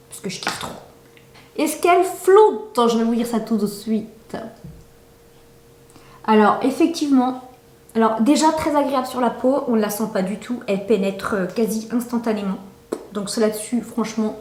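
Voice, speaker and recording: A woman's voice: on the high side, roomy sound. A woman reviewing makeup in a casual vlog, chatty and enthusiastic, talking straight to her viewers. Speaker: beauty vlogger.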